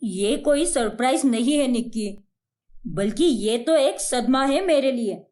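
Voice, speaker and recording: A woman's voice: high-pitched, lively intonation, a little slow, a little mellow. A woman voicing an irritated young husband in a cartoon story, scolding his wife. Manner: scolding, exasperated. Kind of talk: cartoon voice acting.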